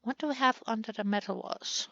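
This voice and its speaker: A woman's voice: a little high, fairly quick, vocal fry, a bit bright, no room sound, muffled recording. A woman hosting a gaming channel, chatting through a building session in a playful way and talking to the game pieces as she works.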